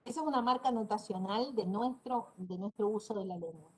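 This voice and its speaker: Lecturer, female, northeastern Argentine accent, husky, mid pitch, demonstrates sounds while explaining. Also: a little fast, darkish tone, poor audio. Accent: northeastern Argentine Spanish. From Corrientes, Argentina. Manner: explanatory, demonstrates pronunciations aloud. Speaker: university lecturer. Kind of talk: online class lecture.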